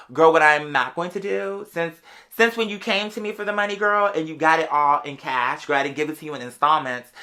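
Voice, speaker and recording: A young adult vlogger with an American accent tells stories to viewers in a sassy, slangy, conversational style. The voice is medium-pitched, pushed, and bright.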